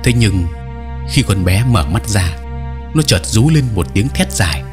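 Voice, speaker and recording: A man narrating a horror story as an audiobook reader, telling it in the first person with steady, measured delivery. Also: lowish voice, over music.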